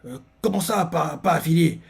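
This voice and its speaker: A man voicing a brash young male warrior captain in a manga, reading his lines aloud with loud indignant outrage and coarse words. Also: fairly high pitch, moderate pace, pitched above the performer's own voice, lightly acted.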